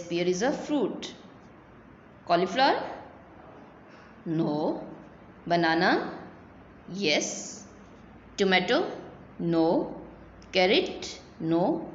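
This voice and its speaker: A woman teacher talks very slowly to young children and spells each word out letter by letter. Her voice rings in a small room with a long echo. The recording sounds dull and carries a faint hum. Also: mid-range voice. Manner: slow, spelling words letter by letter.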